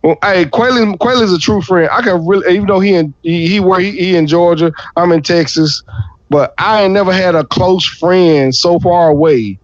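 Casual man, high voice, profane and rambling; dry, lo-fi recording. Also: moderate pace, no room sound. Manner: profane, rambling, laughing storyteller. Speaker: comedian, podcast co-host. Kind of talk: casual chat, comic storytelling. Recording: lo-fi dry audio.

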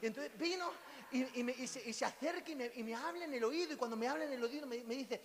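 Un pastor con acento de España que predica contando historias con humor y gritos repentinos. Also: male voice, extremely high pitch, fast talker. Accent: Spain Spanish. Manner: storytelling, sudden loud cries and laughs. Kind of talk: lively sermon with jokes. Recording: long hall reverb, faint hiss.

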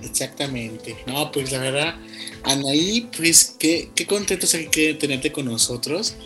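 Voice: mid-range voice, measured pace, sharp tone, faint music behind. A podcast host from León, Guanajuato, with that region's accent, chatting in a friendly, rambling way with a guest. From León, Guanajuato, Mexico. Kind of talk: casual interview chat.

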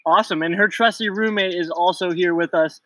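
A man's voice: sits high, steady tone, fairly quick, fairly bright tone, no echo, poor audio. A man co-hosting a casual podcast from home, leading the questions and cracking self-deprecating jokes. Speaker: podcast co-host. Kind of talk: casual chat. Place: home, at night.

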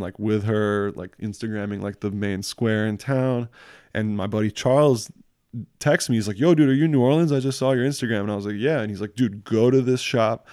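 A man's voice: lowish voice, darkish tone, dry recording, clean studio sound. A young man telling stories in a casual chat, rambling and slangy, packing every sentence with fillers and swearing. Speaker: guest telling tattoo stories.

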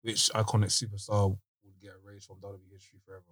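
A man with an urban London roadman accent, chatting casually as a podcast host, excitable and slangy, often repeating words. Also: on the low side, fast. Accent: London, urban roadman-style slang. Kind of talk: casual group chat.

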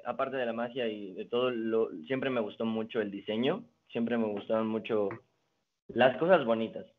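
A young man speaks as a guest in a casual interview, easygoing and full of restarts as he tells his story. His voice sits at an ordinary pitch. The sound is narrow and thin, like a phone line. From Mexico. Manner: relaxed storytelling with many restarts. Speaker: guest, card designer and magician.

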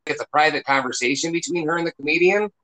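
A man's voice: on the high side, fast talker, pushed and bright, rough recording. A man hosting a comedy podcast, asking questions and sharing his own stories in a laid-back way, chuckling in between. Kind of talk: casual interview chat.

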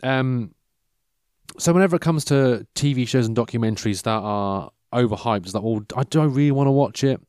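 With a medium-pitched, darkish voice and a slightly fast pace, a thirty-something man rambles casually, interrupting himself and losing his thread. His humour is dry and self-mocking, and there's no room sound.

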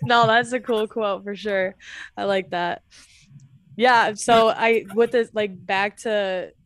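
Woman podcast host, casual rambling chat, laughs easily, mid-pitched. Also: fairly even intonation, slow, no echo.

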